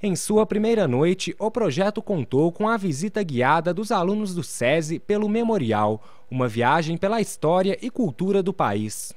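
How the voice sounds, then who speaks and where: Lively male news voice-over. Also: sits high, moderate pace, few pauses. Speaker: news narrator.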